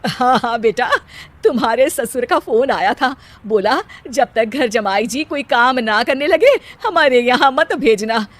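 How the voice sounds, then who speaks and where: A woman voicing a weary middle-aged father in a cartoon, measured and dryly resigned. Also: on the high side, animated.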